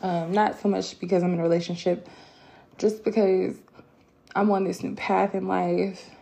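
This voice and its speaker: A woman hosting her own podcast, talking casually and reflectively with many fillers and pauses, candid and personal. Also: mid-range voice, level tone, creaky, dark tone. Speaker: podcast host. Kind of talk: casual solo podcast talk.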